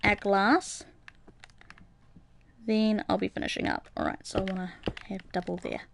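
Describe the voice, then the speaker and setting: Over a noisy background, a young gaming streamer talks at normal speed in a medium-pitched, creaky voice with flat delivery. She reads viewers' comments out loud and chats with them casually as she plays, dropping plenty of ums and uhs.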